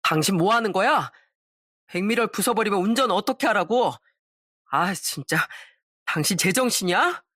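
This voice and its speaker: A woman's voice: medium pitch, animated, moderate pace, fairly bright tone, breathy edge, no room sound, clean studio sound. A woman voicing an evasive cheating husband who makes defensive, pleading excuses in a story drama.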